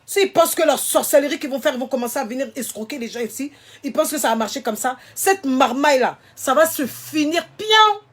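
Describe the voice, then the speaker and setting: High-voiced, indignant woman ranting. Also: animated, a little fast. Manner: emphatic, indignant, repeats her points. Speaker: social media commentator. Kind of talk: impassioned vlog rant to viewers.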